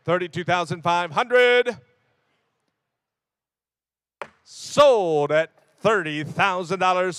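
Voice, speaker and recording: A man with a high-set voice delivers an auctioneer's chant. He rolls through bid numbers again and again, pressing for the next figure. The sound is dry, with little room around it. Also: fairly bright tone, no echo. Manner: repetitive rolling calls of numbers. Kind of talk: rapid auctioneer's chant calling bids.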